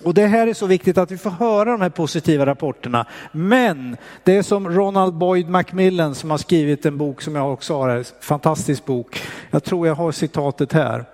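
A man's voice: a little high, a little fast, a little mellow, big-room sound. A man preaching a sermon in a hesitant, pastoral manner.

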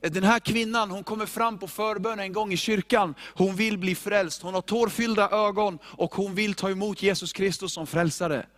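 A male pastor preaches in a notably high voice, animated and informal. He hammers points home through repetition, with casual, everyday wording. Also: hardly any pauses. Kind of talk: sermon.

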